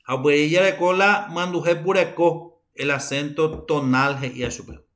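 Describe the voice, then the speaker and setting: Her low-pitched voice keeps a fairly even intonation as she delivers a recorded university lecture. The teacher is a woman with a Paraguayan accent who proceeds slowly and haltingly, repeating phrases often.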